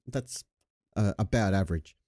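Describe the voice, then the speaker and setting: Fairly low-pitched and mellow, an Australian livestream host chats at normal speed in a laid-back, jokey, sweary manner. He's recovering from a chest infection and still has a cough. The audio is clean studio quality with no echo.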